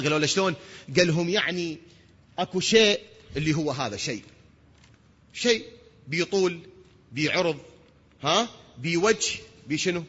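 A man preaching a religious lecture, asking rhetorical questions and answering them himself, sometimes stretching words into long shouts. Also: fairly high pitch, husky. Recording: dull sound with long hall reverb.

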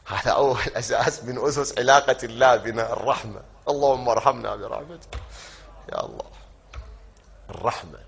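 A man with an Iraqi Arabic accent preaches a sermon, asking the congregation questions and answering them himself while stretching key words out slowly. His voice is medium-pitched and creaky.

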